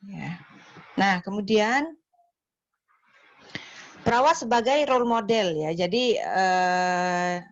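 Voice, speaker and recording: A woman lectures a nursing class over a slightly dull, lo-fi call line, her voice sitting in a middle pitch. She talks in a chatty way, closing phrases with "ya" and "gitu ya". Now and then she slips into quick little voices for patients and nurses. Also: no room sound. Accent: Indonesian.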